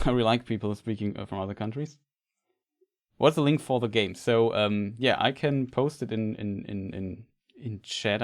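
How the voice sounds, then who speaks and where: A man, an English speaker, chatting casually with viewers while live-streaming a game, rambling and restarting his sentences. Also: on the low side.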